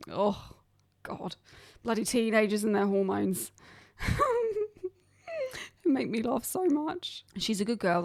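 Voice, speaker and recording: A woman's voice: medium pitch, creaky, dry recording. A young Englishwoman hosting her own podcast, chatting and rambling casually on her own. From England. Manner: rambling, chatty, self-deprecating. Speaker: podcast host. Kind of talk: casual solo chat. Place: hot humid region, indoors.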